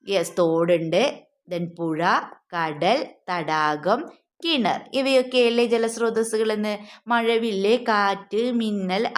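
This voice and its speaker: A woman teacher going through a school question paper for young children, asking coaxing questions, answering them herself, and mixing English words in. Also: medium pitch. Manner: asks and then answers her own questions.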